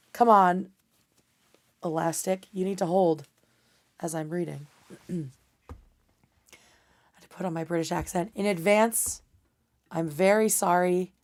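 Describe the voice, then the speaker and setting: Brief: young woman streamer, casual rambling chat, voice pitched a bit low. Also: a little mellow. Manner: loose, rambling delivery. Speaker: livestream host.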